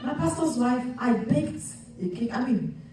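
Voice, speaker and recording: A woman's voice: high-pitched, lively intonation, a little slow, dark tone. A woman from Nigeria preaching a sermon in a chatty storytelling way, with many restarts and asides. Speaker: pastor. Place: church sanctuary. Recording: echoey church hall picked up from far off.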